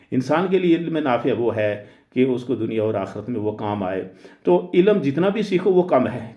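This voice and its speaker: A man teaching in a deliberate lecture, pausing often on "uh" and mixing English phrases into his speech. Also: medium pitch. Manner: deliberate, hesitant with frequent "uh" fillers. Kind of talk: explanatory lecture. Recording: roomy, dull lo-fi recording.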